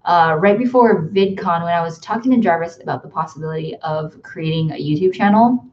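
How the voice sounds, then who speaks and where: A young American woman chats casually to her viewers from her bedroom, drifting from thought to thought with plenty of ums and likes. Her voice sits a little low for a woman, and the audio comes through slightly dull and lo-fi. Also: a little fast. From United States. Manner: chatty, rambling, many ums and likes. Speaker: YouTuber hosting a livestream. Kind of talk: casual livestream chat. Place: bedroom at home.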